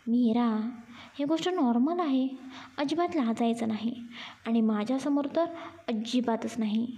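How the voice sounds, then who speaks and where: A woman's voice: high voice, steady tone, normal speed, dark tone, close to an everyday voice. A woman voicing a protective young man who talks to his partner in a firm, teasing, instructing way. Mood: gentle, teasing. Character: caring, bossy young man, protective lover.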